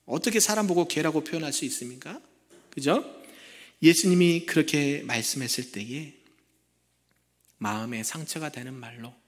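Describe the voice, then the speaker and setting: A man, a senior pastor, preaching a sermon in a church and asking the congregation rhetorical questions, moving between loud pleas and hushed asides. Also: a little high. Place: church sanctuary. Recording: long echo of a church hall.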